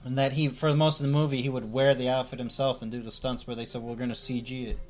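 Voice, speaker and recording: An easygoing male radio co-host with a mid-pitched voice, who chats loosely and laughs along. Faint music sits behind him. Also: fast. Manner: relaxed, laughs often, keeps the show moving. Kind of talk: casual chat.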